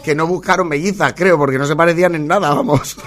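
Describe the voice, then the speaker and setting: A man's voice: a little high, quick pace, music in the background. A man with a Spain Spanish accent chatting casually to followers, laughing often and mimicking voices. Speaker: host.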